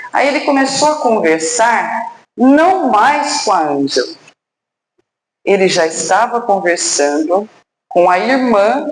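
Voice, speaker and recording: Brazilian woman telling her story at a spiritist center, dramatic pauses, roomy echo, faint hiss behind. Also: mid-range voice. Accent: Brazilian Portuguese. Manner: dramatic storyteller, acts out dialogue, pauses for suspense. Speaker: guest speaker at a spiritist center. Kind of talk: personal testimony lecture. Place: spiritist center hall, indoors. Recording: echoey room, faint background noise.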